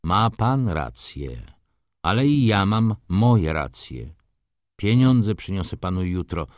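Guy doing a proud merchant, low and slow, clipped, holding back. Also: very animated, no room sound, clean studio sound, full character voice. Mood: terse, restrained. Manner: terse, restrained. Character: reserved determined merchant, proud, irritable.

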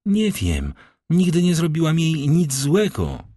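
A man's voice: on the high side, huge pitch swings, slow, warm tone, breathy edge, no echo, clean studio sound, pitched above the performer's own voice, heavily acted. A man reading aloud and voicing a frightened, pious young noblewoman in a pleading, tremulous way.

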